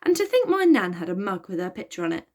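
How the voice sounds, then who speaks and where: A woman's voice: medium pitch, big pitch swings, quick pace, a little mellow. A woman putting on an eager cheeky schoolboy.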